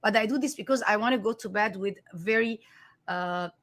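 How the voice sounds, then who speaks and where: In a brisk, mid-range, fairly bright voice, a woman whose first language is Armenian answers interview questions conversationally. She works as an author and life coach, and her manner is earnest and emphatic, with many restarts.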